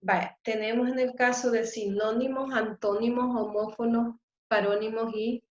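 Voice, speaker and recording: A woman teacher giving a slow, patient class lecture, often checking in with the students. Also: fairly high pitch, fairly even intonation, slight background noise. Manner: slow and explanatory, with frequent rhetorical "¿verdad?". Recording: roomy, dull lo-fi sound.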